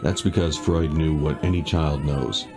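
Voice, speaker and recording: A grown man haunted by his past narrates in a measured, dramatic first-person style, his voice exceptionally low and his intonation fairly even. The mood is brooding and wistful, with loud music running underneath.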